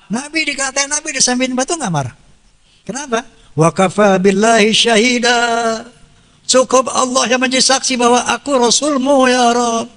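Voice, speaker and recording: Man preaching, pretty high voice, asks the crowd questions, big echoey hall. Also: fairly bright tone. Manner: quotes and translates scripture, asks audience rhetorical questions. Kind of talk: sermon.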